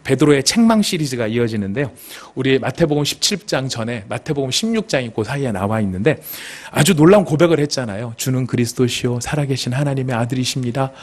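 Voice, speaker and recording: Husky, lively-voiced male pastor. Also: medium pitch, fast talker, hardly any pauses. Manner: animated storytelling, acting out quotes. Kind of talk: sermon. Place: church sanctuary.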